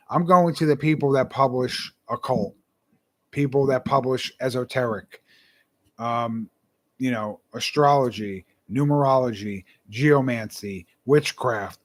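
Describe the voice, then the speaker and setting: A man's voice: medium pitch, slow pace. A young man, a self-published author, talking casually and earnestly to camera, rambling and repeating his words.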